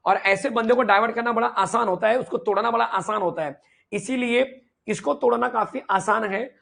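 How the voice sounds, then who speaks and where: A man teaching chemistry in an online lecture, lively and playfully teasing, asking students questions and answering for them. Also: very high voice, moderate pace, gravelly.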